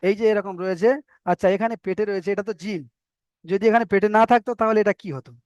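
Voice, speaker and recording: Man, Indian Bengali accent, online Quran reading teacher, high smooth voice, patient and repetitive, dry slightly dull recording. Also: fairly even intonation, darkish tone, dry recording. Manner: patient, repeats letters slowly with drawn-out vowels. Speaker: Arabic alphabet teacher.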